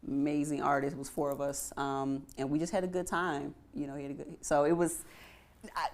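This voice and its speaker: A young adult woman musician telling stories in a casual interview, animated and repeating phrases for emphasis. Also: low voice, fairly quick. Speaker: guest musician.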